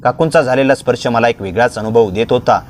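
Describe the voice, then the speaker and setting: A man narrating a first-person story with steady, plain reading. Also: mid-range voice, quick pace, a little hiss or hum.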